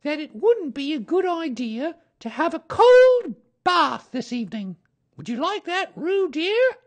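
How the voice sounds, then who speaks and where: Very high-pitched motherly kangaroo. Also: lively intonation, measured pace, exaggerated voice. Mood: soothing. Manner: soothing, singsong, scolding endearments. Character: brisk, motherly female kangaroo, fussily cheerful and stern.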